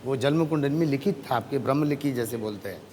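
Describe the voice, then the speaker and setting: A man's voice: mid-range voice, fast talker, a little mellow, big-room sound, a little hiss or hum. Earnest man giving astrological predictions. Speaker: astrologer and face reader. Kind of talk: fortune-telling on a TV show. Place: TV studio.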